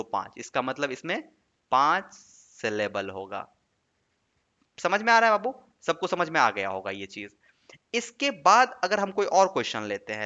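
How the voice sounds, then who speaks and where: A man's voice: on the high side, pushed and bright, highs cut off. A man teaching an online exam-prep lesson, often checking in with questions to his students. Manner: coaxing, asks checking questions like "right?". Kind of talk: online lesson with screen writing.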